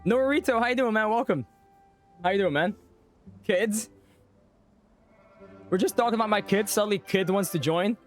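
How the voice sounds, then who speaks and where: This streamer has a high voice and talks at normal speed with long pauses, giving casual, playful live commentary on his gameplay. He often repeats his phrases, and video game music plays behind him.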